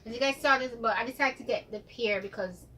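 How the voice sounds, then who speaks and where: A woman's voice: fairly high pitch, fast talker, bright, forceful tone. A young woman from Jamaica chatting casually and rambling a little in a home vlog, a bit tired. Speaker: vlogger. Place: bedroom at home. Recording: distant mic with clear room noise.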